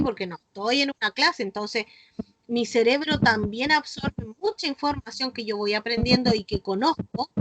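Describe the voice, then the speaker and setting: A Chilean woman teaches children over a video call, explaining patiently and checking that the class follows along. Her voice sits high. The line carries clear background noise. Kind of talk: online class.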